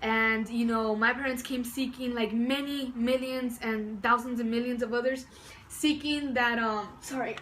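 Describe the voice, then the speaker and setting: A vlogger in her early twenties, raised in Southern California after being born in Mexico, talks casually and enthusiastically to camera indoors at home, rambling with frequent fillers and restarts. She has a fairly high pitch, a steady tone, a measured pace, and a somewhat bright sound, with slight background noise.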